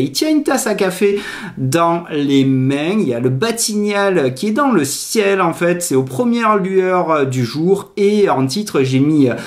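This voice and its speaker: Chatty man with a higher voice. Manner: chatty, filler-heavy, uneven pace. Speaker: tutorial host. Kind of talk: casual screen-recorded tutorial.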